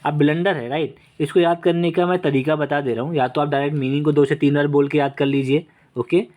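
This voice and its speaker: Brief: young male tutor, somewhat high voice, repetitive coaching lesson delivery. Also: steady tone, brisk, darkish tone. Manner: repetitive, checks in with "okay" and "right". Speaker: vocabulary teacher.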